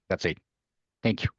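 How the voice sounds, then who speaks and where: A man from Japan introducing himself on a video call, halting and hesitant. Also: low voice, a little mellow, husky, dry recording, dull audio.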